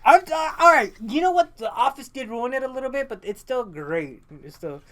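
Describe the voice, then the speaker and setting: A man in his thirties co-hosts a podcast in a very high-pitched, slightly bright voice at normal speed. Animated and casual, he jokes around, swears, and laughs a lot.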